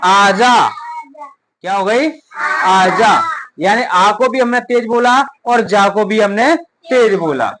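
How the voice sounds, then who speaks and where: A woman leads a children's Hindi phonics lesson in a coaching classroom, drilling vowel signs and supplying answers to her own questions. Her medium-pitched voice is slow and fairly bright, on a rough recording with slight background noise.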